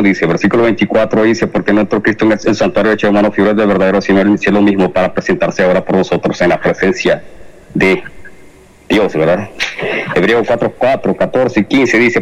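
A man reading Bible verses aloud slowly and asking short questions in a study discussion. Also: fairly low pitch, poor audio. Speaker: Bible reader.

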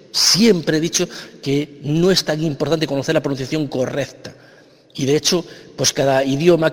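A man with a Spain Spanish accent argues insistently in a heated religious debate, repeating his points again and again. His voice is fairly high-pitched, and a long reverb tail trails after it.

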